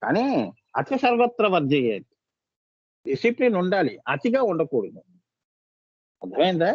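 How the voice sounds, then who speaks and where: High-voiced man giving a spiritual talk. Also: big pitch swings, moderate pace, slightly rough, dry recording, highs cut off. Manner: rhetorical questions to listeners, coaxing and scolding. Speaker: spiritual teacher. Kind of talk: devotional discourse.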